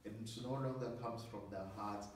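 A middle-aged priest gives an earnest, measured talk, often repeating small words as he gathers his thoughts. His voice sounds distant from the camera and bounces around a very echoey small study, with a faint hiss underneath. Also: lowish voice, fairly even intonation. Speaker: assistant parish priest. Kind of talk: sermon preparation talk. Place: small study with bookshelves, indoors. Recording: echoey room, voice from far off.

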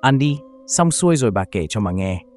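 A man voicing a gentle, nostalgic elderly village grandmother in a read-aloud horror story, soft-spoken and homely. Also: mid-range voice, sing-song, a little fast, soft background music, close to an everyday voice.

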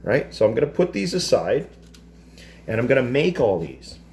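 A man in his fifties teaching a casual cooking demonstration in a home kitchen, explaining each step in a relaxed, chatty way. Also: medium pitch, normal speed, creaky, a little hiss or hum. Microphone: camera across the counter.

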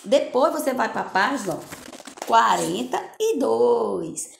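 A woman's voice: fairly high pitch, sing-song, slow pace, creaky, echoey room, slight background noise. A woman teacher with a Brazilian Portuguese accent gives a recorded lesson to young children in a coaxing, sing-song way, full of little diminutives. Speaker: primary school teacher.

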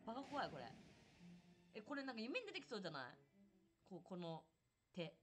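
A young woman chatting casually through a live game stream, excitable and talkative, yelping and shouting at what happens on screen. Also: medium pitch, a little fast, noisy background. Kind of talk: casual live gameplay commentary.

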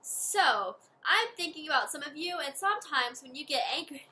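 Bright-voiced woman teacher reading to kids. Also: high voice, expressive, moderate pace, slight background noise. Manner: friendly, explains step by step to kids. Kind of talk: read-aloud reading lesson for children.

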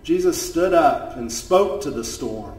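Male pastor, children's chapel storyteller, unhurried, roomy chapel sound, distant mic. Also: a little high. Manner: animated storyteller, drops to a soft gentle voice for prayer. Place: church chapel. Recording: echoey room, voice from far off the mic.

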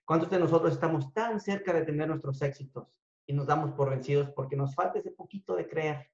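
A man giving a motivational talk to an audience, telling a story in an animated way that swings between loud and hushed. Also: a little high, fairly quick, creaky. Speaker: speaker at a business talk. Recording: echoey room, dull lo-fi sound.

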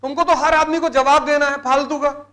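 A man's voice: very high voice, little pitch movement, normal speed, pushed and bright. A man with a North Indian Hindi accent giving a motivational classroom lecture to exam students, emphatic and repeating his key words. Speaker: civil services exam teacher. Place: live classroom session.

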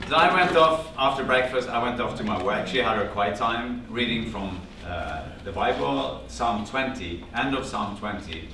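In a classroom-sized meeting room with a projector screen, a man from Norway in his fifties tells a small audience a personal story, animatedly quoting family dialogue and gesturing. His Norwegian-accented, mid-range voice keeps a moderate pace with hardly any pauses. A distant camera with no visible mic captures echo and background hum.

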